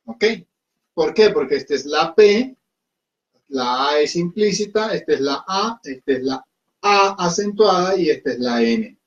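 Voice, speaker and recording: A man's voice: on the high side, lively intonation, measured pace. A man teaching a class at a whiteboard, patiently repeating himself and often checking that his students follow. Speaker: Hindi teacher. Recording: dull lo-fi recording.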